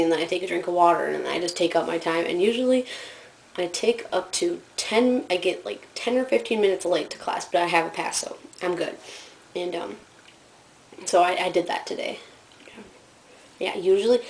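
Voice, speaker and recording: A teenage girl chats to her camera about her school days in a loose, rambling way, full of fillers and little giggles. Her voice sits a bit low for a girl her age. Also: poor audio. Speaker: student vlogger. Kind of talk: casual storytelling vlog.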